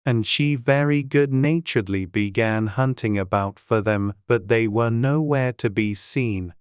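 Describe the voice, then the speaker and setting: Woman reading a storybook audiobook, really deep voice, dry close sound. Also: clear, resonant tone, dry recording. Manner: steady storybook narration. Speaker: narrator.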